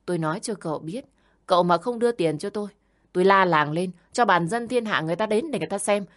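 A woman doing a shrill, scolding older aunt. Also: fast talker, lightly acted. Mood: demanding. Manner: yelling, berating, harsh.

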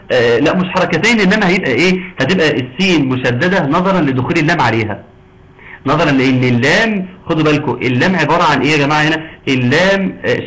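A man's voice: fairly high pitch, fairly bright tone, low-quality recording. A man with an Egyptian Arabic accent teaching a Quran recitation lesson, quizzing students and encouraging them with frequent pious phrases. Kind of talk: online Quran tajweed lesson.

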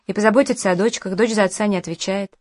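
A woman's voice: mid-range voice, fast, darkish tone, no echo, studio quality, close to an everyday voice. A woman reading as a bitter, sardonic party host. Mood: bitter, caustic. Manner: caustic, bitter, challenging.

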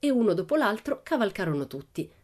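A woman narrating a children's novel aloud in an expressive storytelling manner. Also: medium pitch, fast talker. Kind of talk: audiobook reading of a children's novel.

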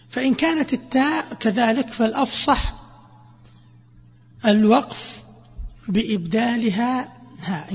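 A man teaching Arabic grammar, asking questions and answering them himself while repeating examples slowly. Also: high-pitched. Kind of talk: classroom explanation of grammar. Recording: echoey, dull lo-fi lesson recording.

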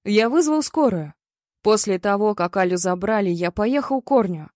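A woman's voice: mid-range voice, expressive, normal speed, darkish tone, dry recording, studio quality. A woman narrating a first-person story in a blunt, bitter and crude way. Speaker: audiobook reader.

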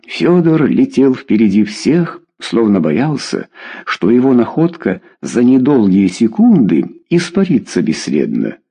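A man narrating an audiobook with expressive storytelling. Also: mid-range voice, measured pace, creaky, breathy edge.

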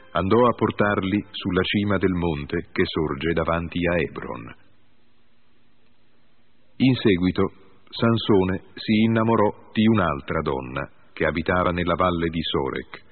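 A man reads a Bible passage aloud in a steady, solemn way. His voice is very deep and husky. The recording is narrow and tinny, like sound over a phone line. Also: a little slow. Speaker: Bible reader. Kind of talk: scripture reading.

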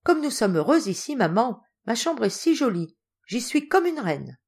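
A woman's voice: fairly low pitch, lively intonation, normal speed, a little mellow. A woman voicing an affectionate, eager young noble daughter who speaks fervently and effusively.

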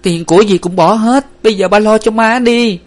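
A man puts on a grieving young daughter from a storybook, her voice lifted high and pleading. She speaks, tearful and urgent. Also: brisk, lightly acted. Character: distraught young woman, frightened grieving daughter.

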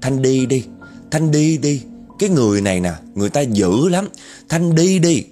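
A man's voice: medium pitch, very animated, normal speed, warm tone, soft background music, pitched above the performer's own voice, natural voice. A man voicing the ghost of a young man, mournful and pleading. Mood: urgent, crying.

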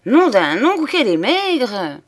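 A woman's voice: a little high, big pitch swings, takes it slowly, no room sound, studio quality, pitched above the performer's own voice, heavily acted. A woman playing a blunt old soldier farmhand. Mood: scornful. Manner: loud, blunt exclamations.

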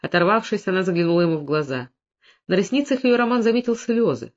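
Audiobook narrator, steady storytelling, mid pitch, muffled lo-fi sound. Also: quick pace. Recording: dull lo-fi recording.

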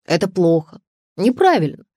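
A woman's voice: on the low side, very animated, moderate pace, dark tone, no echo, studio quality. A woman reading an audiobook, voicing a frank, teasing female best friend. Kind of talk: audiobook character voice.

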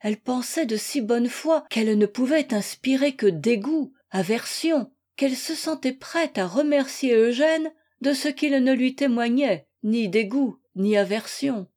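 A woman reading a classic novel aloud in a measured, dramatic way. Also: a little high, a little mellow. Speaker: audiobook reader. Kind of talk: scripted literary narration.

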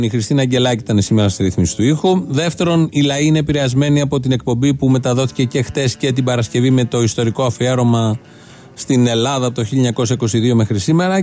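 A man reading show announcements in a measured, formal way. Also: mid-range voice, a little mellow. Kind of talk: radio announcements.

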